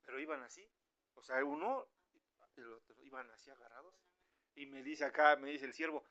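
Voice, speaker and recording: A man with a Mexican Spanish accent preaches an informal, conversational sermon, animatedly acting out the voices of the people he quotes. His voice is medium-pitched at normal speed, and the audio is dull.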